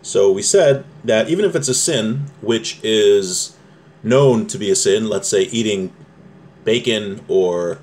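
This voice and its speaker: This religious law teacher has a fairly low, slightly mellow voice and speaks slowly. He reads a source aloud in an informal lesson, unpacking it step by step in a conversational tone with rhetorical questions.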